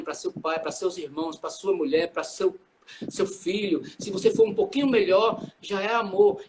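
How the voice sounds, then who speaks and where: A man's voice: high-pitched, background noise. A man with a Brazilian accent preaching a sermon, acting out little dialogues between God and the believer. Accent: Brazilian Portuguese.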